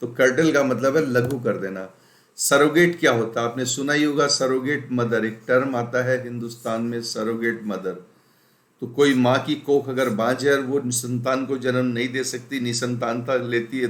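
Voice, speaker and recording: A male teacher from India leads an exam-prep vocabulary lesson at a mid-range pitch. He speaks with emphasis and repeats words over and over to drill them. His voice carries a roomy echo. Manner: mixes in English phrases.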